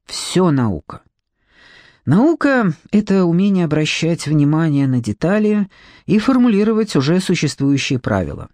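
A man reads an eccentric paranormal detective who lectures and grumbles with dry sarcasm. The voice sits fairly high and swings lively in pitch. The audiobook recording is dry and close. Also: moderate pace, dry recording. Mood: lecturing. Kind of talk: audiobook character reading.

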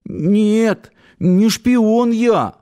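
A man's voice: fairly high pitch, sing-song, measured pace, a little mellow, voice pushed up. A man voicing a timid, curious young man who speaks hesitantly and plaintively.

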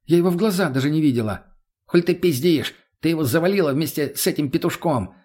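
A man's voice: fairly high pitch, brisk, a little mellow, husky, voice pushed up. A man voicing a foul-mouthed, brash young woman. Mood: snapping. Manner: swearing, snapping.

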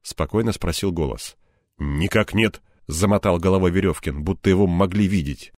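A man narrating an audiobook in a measured storytelling voice. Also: low voice, a little mellow, no echo, clean studio sound.

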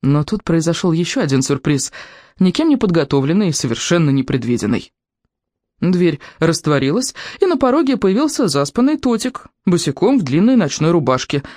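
An audiobook narrator reading with an even, measured storytelling manner. The voice sits at a middling pitch. The recording is dry and close. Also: no echo. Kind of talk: scripted narration.

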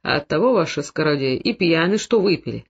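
A man voicing a surly young Cossack soldier who drags out his words with menacing calm. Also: fairly high pitch, vocal fry, breathy edge, lo-fi sound, pitched below the performer's own voice, heavily acted. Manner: slow, menacing drawl.

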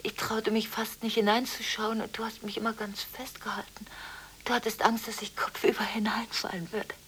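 This hissy 1980s German radio play features an actress as an emotionally torn, distraught daughter on a late-night call, her delivery halting, stammering, pleading and often dropping to a whisper. The voice is fairly high and a bit bright with little pitch movement, close to everyday speech, and the mood is tender and hushed.

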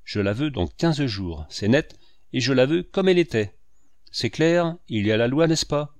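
A man's voice: on the low side, animated, moderate pace, a little mellow, no room sound. A man reading the part of a stern, scornful middle-aged landlord in curt, contemptuous lines. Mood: exasperated.

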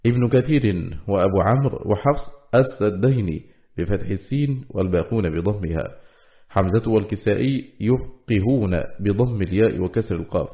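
Low-voiced man reading over tinny audio. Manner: measured, slows to draw out quoted words. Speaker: reader of a classical text on Quran readings. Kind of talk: steady scholarly recitation. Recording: phone-like narrow audio.

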